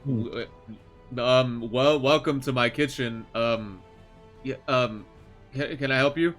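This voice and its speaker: A stammering old innkeeper in a live tabletop game, as a man puts him on. He talks slowly with a bright, forceful edge, and faint music plays behind him. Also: mid-range voice, very animated. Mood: flustered. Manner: stammering, hesitant. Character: older male innkeeper, flustered then blunt.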